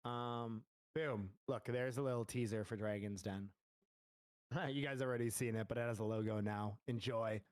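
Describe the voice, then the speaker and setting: Guy at mid pitch chatting loosely, lots of ums and likes, dry sound. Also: steady tone, normal speed, no echo. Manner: loose and rambling, full of fillers and restarts. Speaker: game studio founder answering community questions. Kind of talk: casual livestream Q&A.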